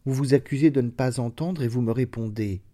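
Guy reading a young man in love, shocked and pleading, exclaiming, dark voice. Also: medium pitch, brisk, natural voice. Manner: raised, exclaiming delivery. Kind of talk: audiobook reading of classic fiction.

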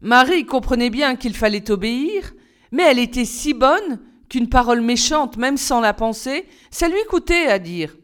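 A woman narrating a children's story in a clear, measured reading voice. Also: on the high side, expressive. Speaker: reader.

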